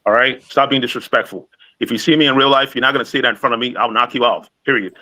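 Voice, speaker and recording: A man's voice: medium pitch, fast, pushed and bright, rough recording. A man in his forties arguing bluntly and confrontationally in a live online debate, talking over others. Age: 40s. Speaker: panelist in a live audio discussion.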